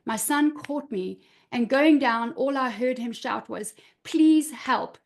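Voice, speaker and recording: A middle-aged woman with a high voice speaks over a video call, coaching a group of women through her own story. She talks earnestly and repeats her key points for emphasis. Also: a little slow, creaky. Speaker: confidence coach.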